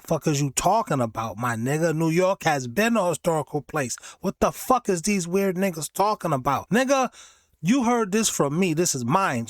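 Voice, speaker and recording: A man with a fairly high voice delivers a heated, profane basketball rant as host of his own show. He reads out facts and then riffs on them, argumentative throughout. The sound is dry and close, with no room around him. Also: dry recording. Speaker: host of a sports commentary channel. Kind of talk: ranting basketball commentary monologue.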